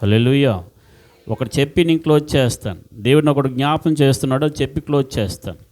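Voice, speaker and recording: A man preaching a sermon as pastor, impassioned and repetitive, swinging between loud outbursts and hushed words. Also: medium pitch, quick pace.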